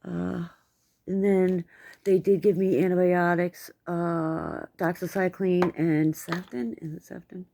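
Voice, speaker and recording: A woman's voice: on the low side, level tone, takes it slowly, gravelly, mellow, a little hiss or hum. A middle-aged American woman with toothless speech, giving a rambling, candid personal update in casual, coarse words. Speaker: vlogger.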